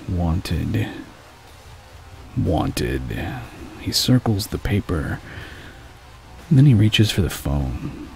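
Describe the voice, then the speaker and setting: A man with a low, creaky, rather dark voice hosts a loose, rambling late-night podcast. He swears casually while chatting and reading a novel aloud, with faint music playing in the background.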